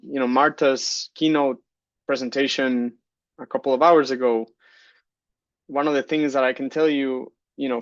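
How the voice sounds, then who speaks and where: Man from Guatemala, 30s, keynote speaker; mid pitch, dry, dull call audio. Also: no echo. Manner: relaxed, many fillers and restarts. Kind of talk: conference keynote talk. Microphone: computer mic on a video call.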